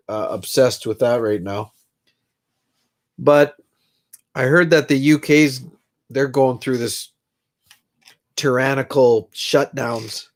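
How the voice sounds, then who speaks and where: A congested, middle-aged man hosts a live stream from his own room, rambling casually and greeting viewers by name. His voice is medium in pitch.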